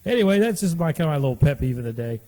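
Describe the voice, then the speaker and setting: A man's voice: on the high side, very animated, rapid-fire, mellow, in a large hall. A man in his late fifties hosting a casual monologue podcast, rambling and repeating himself in a folksy way. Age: 50s. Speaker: podcast host.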